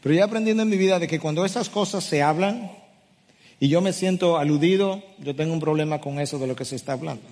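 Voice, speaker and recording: Emphatic middle-aged preacher in a reverberant hall. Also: male voice, on the high side, quick pace, a little mellow. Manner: emphatic preaching, reads and restates scripture verses. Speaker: pastor. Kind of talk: sermon.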